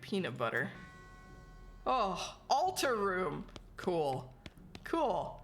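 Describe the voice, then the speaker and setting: A woman's voice: fairly low pitch, wildly swooping pitch, extremely slow, faint music behind. Woman streaming a game with wry asides. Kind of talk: casual live game commentary and reading aloud.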